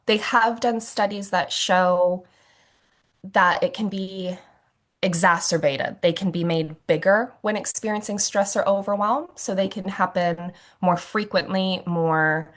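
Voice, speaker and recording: A woman's voice: medium pitch, steady tone, a little slow. A woman facilitating a trauma-informed masterclass on a video call, telling stories in a conversational way with fillers and acted quotes. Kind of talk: teaching a recorded masterclass.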